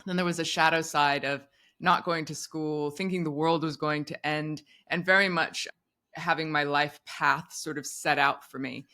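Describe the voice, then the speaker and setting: A woman in her forties appears as a podcast guest, a psychotherapist sharing her story. She talks candidly and reflectively, working through her thoughts out loud in an easy conversational flow. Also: deep voice, fairly even intonation, moderate pace. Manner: reflective, frank, thinks aloud with fillers.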